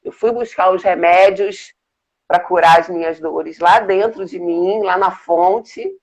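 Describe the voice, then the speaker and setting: A Brazilian woman guest in a casual interview, talking in an earnest, reflective and halting way. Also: lowish voice, fairly even intonation, darkish tone, poor audio. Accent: Brazilian Portuguese. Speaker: guest, business mentor.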